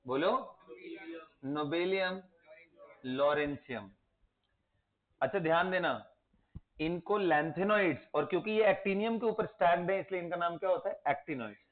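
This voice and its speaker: A man teaching a chemistry lesson, quizzing his students and coaxing them to recite element names. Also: high voice. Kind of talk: classroom lecture. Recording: tinny phone-like audio.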